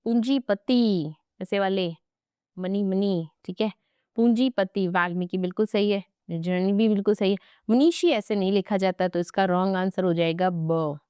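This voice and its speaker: Chatty woman teacher, smooth close voice. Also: mid-range voice, moderate pace, dark tone, no echo. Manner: chatty and playful, with asides to students. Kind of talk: exam-prep grammar lesson.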